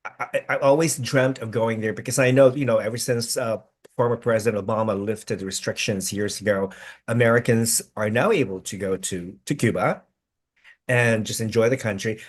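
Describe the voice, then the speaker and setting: A man's voice: fairly low pitch, moderate pace, slightly rough. A man hosting a casual video-call interview, chatty and effusive, with many restarts. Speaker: host.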